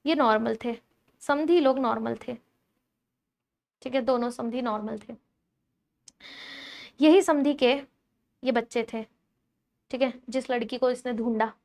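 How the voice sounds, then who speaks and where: A woman biology teacher giving a chatty, animated lecture, teasing and quizzing her students directly. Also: a little high, unhurried, vocal fry, pauses often.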